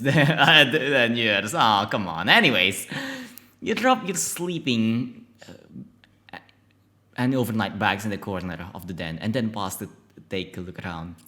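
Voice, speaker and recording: A man streaming a text horror game, reading its narration aloud and reacting excitedly, swearing and stumbling over words. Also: fairly low pitch.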